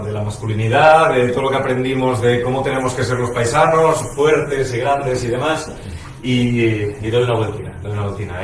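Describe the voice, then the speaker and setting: A man's voice: mid-range voice, slight background noise. A man, chatting casually and then reading poems at a bookshop recital. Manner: relaxed, chatty, hesitant between poems. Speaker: poet reading his work. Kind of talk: casual intro and poetry reading. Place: bookshop event room. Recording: echoey room, distant mic.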